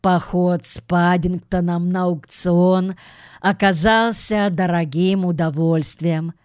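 A woman reading a children's audiobook aloud, with a measured, gentle storytelling manner. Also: on the low side, fairly even intonation, smooth, dry recording, clean studio sound. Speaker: audiobook reader.

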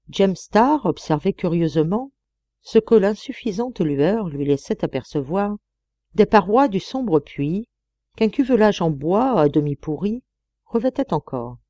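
A woman narrates a classic novel with expressive storytelling. Her pitch moves in a lively way over a mellow, warm tone. The recording is close and dry. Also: no echo. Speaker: audiobook reader.

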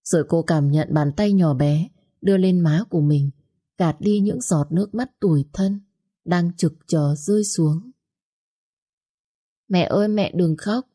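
A woman narrating a scripted story in a steady, even voice. Her voice is low and mellow. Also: slightly rough.

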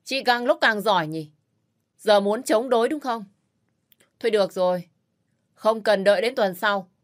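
A woman's voice: medium pitch, normal speed, lightly acted. A woman voicing a domineering elderly father-in-law who barks and scolds. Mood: scolding. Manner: barking, scolding. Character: harsh domineering elderly father-in-law, short-tempered man.

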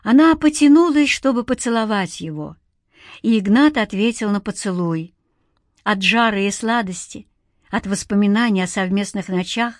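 A woman reading a novel aloud in measured, expressive audiobook narration. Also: medium pitch, no room sound, clean studio sound.

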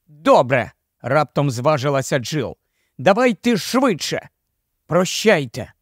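A man's voice: on the high side, very animated, takes it slowly, husky, dry recording, clean studio sound, exaggerated voice. A man voicing an anxious, determined young girl who speaks urgently.

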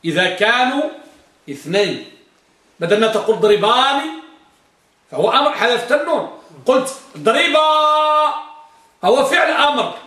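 A man teaching grammar to a class, dictating slowly, repeating phrases and quizzing his students. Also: high voice, lively intonation, sharp tone. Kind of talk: classroom lesson. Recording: echoey room from far off.

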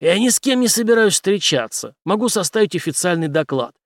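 A man's voice: sits high, very animated, brisk, no echo, studio quality, voice pushed up. A man voicing a brash, stubborn officer. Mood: forceful.

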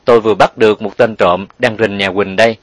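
A man reading an audiobook and voicing a gruff older working man who speaks bluntly and threateningly. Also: lowish voice, steady tone, fairly quick, dry recording, close to an everyday voice. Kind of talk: audiobook character voice.

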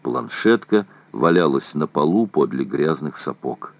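A man narrating a war novel in a steady, even reading. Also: rumbling low, unhurried, vocal fry, dull audio. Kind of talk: audiobook reading of war prose.

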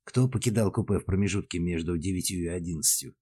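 A matter-of-fact police investigator asking short, businesslike questions, voiced by a male audiobook reader. Low and husky in tone. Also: fast talker, dark tone.

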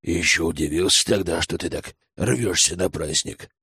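A man's voice: sits low, pushed and bright, breathy edge, no room sound, clean studio sound, voice pushed down, full character voice. Man reading a grave old village elder. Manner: slow, measured, grave. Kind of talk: audiobook character reading.

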